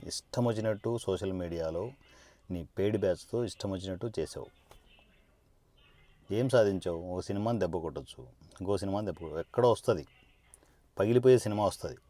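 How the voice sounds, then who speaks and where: A politician speaking straight to camera in a confrontational monologue, sarcastic and combative, firing one rhetorical question after another. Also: male voice, sits low, warm tone.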